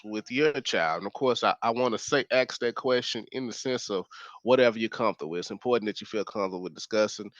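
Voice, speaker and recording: A man from Dallas, interviewing a local mother in a careful, halting way with lots of "uh". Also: lowish voice, a bit bright, no room sound. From Dallas, Texas. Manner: careful, halting questions full of "uh". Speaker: street reporter and interviewer. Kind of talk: community interview. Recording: dull, slightly lo-fi audio.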